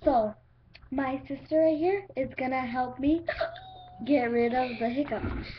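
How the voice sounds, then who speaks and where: High-voiced girl in a lo-fi home video. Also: unhurried. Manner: chatty, step-by-step instructions. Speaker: video host. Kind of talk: casual home video how-to. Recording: dull lo-fi home video with faint noise.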